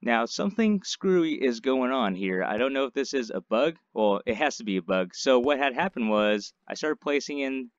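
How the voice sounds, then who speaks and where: In a dry, muffled recording, a man who hosts a survival game series on his gaming channel gives loose let's-play commentary, stuffed up with allergies and rambling with many fillers. He has a medium, expressive voice, talks at a normal speed, and barely pauses.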